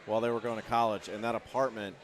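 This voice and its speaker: A man's voice: fairly low pitch, level tone, rapid-fire. Laid-back man, rambling color commentary. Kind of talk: casual commentary chat. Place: on a platform at the event venue.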